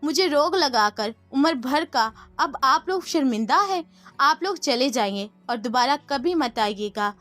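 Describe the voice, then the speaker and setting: A woman's voice: high voice, animated, a bit bright, faint music behind. A woman voicing a hurt young mother who speaks coldly and accusingly, read out in a storybook. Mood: bitter. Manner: cold and accusing.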